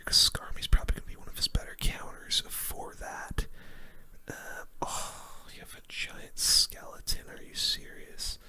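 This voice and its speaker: This is a gaming host's casual ASMR narration: a soft, breathy whisper close to the mic as he reasons his way through play out loud.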